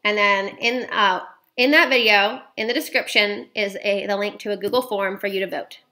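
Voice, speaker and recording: A woman's voice: mid-range voice, steady tone, moderate pace, pushed and bright. A woman closing a children's read-aloud with casual chat. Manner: chatty, loose, with fillers. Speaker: children's book reader.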